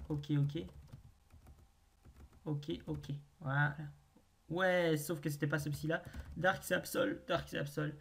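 A gaming video host thinking aloud through a naming quiz, hesitant with drawn-out pauses and wry self-mocking asides. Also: mid-range voice, steady tone, vocal fry, slight background noise.

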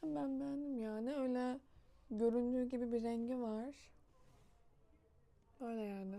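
A young woman with a high, bright-toned voice talks through her day in a relaxed home vlog. She is chatty and laughs easily, slipping into soft baby talk with a little one. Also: moderate pace. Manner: chatty, laughs often, coos at a little child. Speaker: vlogger. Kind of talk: casual vlog chat.

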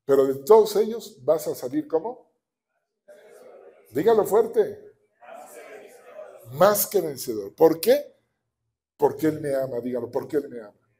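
A man with a Mexican accent preaching a sermon as a pastor, animated and often asking the congregation for agreement. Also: fairly high pitch, a little slow, long pauses. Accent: Mexican Spanish.

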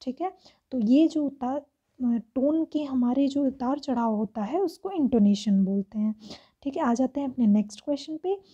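A woman teacher, reading exam questions aloud slowly and explaining each answer step by step. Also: high voice, expressive, warm tone, breathy edge, muffled recording. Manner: slow, reads English questions aloud word by word then explains in Hindi. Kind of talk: exam-prep lesson.

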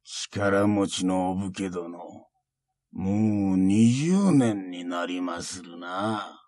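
A man voicing a calm, mocking monk who is secretly a ninja, speaking slowly in archaic, quietly taunting phrases. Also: sits low, dry recording, clean studio sound, heavily acted.

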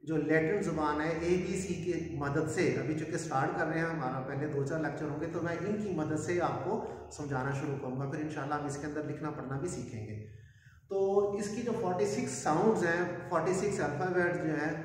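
A man teaching a video lesson and slowly drawing out each sound in pronunciation drills. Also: a little high, a little hiss or hum. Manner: slow drawn-out pronunciation drills. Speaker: language teacher. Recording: echoey room from far off.

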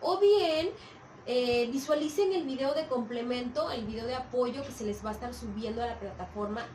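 A woman gives a recorded lesson for young pupils in a high voice, often checking in with them as she goes. She sounds set back from the mic in an echoey room, with a faint hiss underneath. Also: normal speed, distant mic. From Mexico. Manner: patient, checks in with "¿ok?" and "¿sale?". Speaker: primary school teacher. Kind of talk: recorded video lesson for children.

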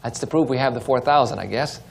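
A man's voice: medium pitch, fast, vocal fry. A man hosting a television game show in a studio, chatty and encouraging. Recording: noisy studio broadcast with loud audience.

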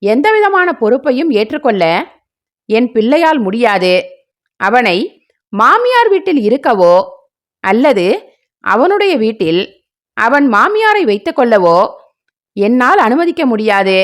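Woman voicing a stern older man, commanding, curt, unhurried. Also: very high-pitched, very animated, fairly bright tone, heavily acted. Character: stern, domineering older man, father-in-law.

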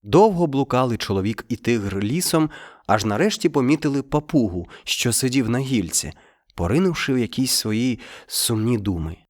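A man narrating a folk tale in an expressive storybook manner, with soft music behind. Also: mid-range voice, normal speed, no room sound, studio quality. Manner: expressive, animated.

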